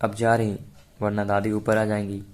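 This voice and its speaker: A man's voice: on the low side, monotone, normal speed, lightly acted. A man voicing a cheerful young woman who is in love and gets flustered easily.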